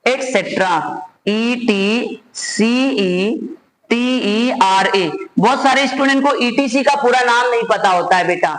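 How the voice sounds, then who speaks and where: A high-voiced man with an Indian accent teaches a computer class, spelling things out slowly for students to copy. Between the dictation he drops into quicker, fatherly asides. The room is echoey, with a faint hiss of noise behind him. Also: animated, fairly bright tone. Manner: slow word-by-word dictation mixed with quick Hindi asides, addresses students as beta. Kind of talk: classroom lecture, dictating notes. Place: classroom at a board.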